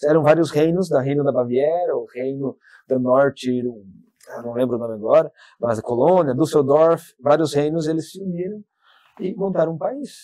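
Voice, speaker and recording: A man with a southern Brazilian accent, a podcast guest telling stories in a talkative, animated way. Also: fairly high pitch, moderate pace, dry recording. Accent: southern Brazilian Portuguese. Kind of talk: casual interview chat.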